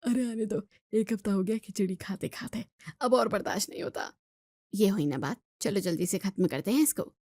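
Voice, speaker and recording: A woman's voice: mid-range voice, moderate pace, darkish tone, dry recording, close to an everyday voice. Woman doing a stubborn greedy old father-in-law over 65, whiny and pleading, dry sound.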